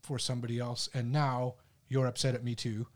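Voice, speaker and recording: A man's voice: mid-range voice, little pitch movement, fairly quick. A man talking through an idea in casual, reflective conversation, hosting a discussion.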